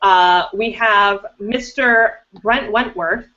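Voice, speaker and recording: A woman's voice: mid-range voice, slow, sharp tone. A woman hosting a live podcast over a video call, giving upbeat, chatty introductions of her guests. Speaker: podcast host and director. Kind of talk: casual live-stream chat. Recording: dull lo-fi call audio.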